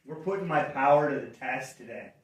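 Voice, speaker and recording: A fairly quick-talking, medium-pitched middle-aged Canadian hosts his channel's livestream from indoors near a fireplace. Upbeat and meandering, he corrects himself as he talks. The echo of the room comes through because the mic is far off.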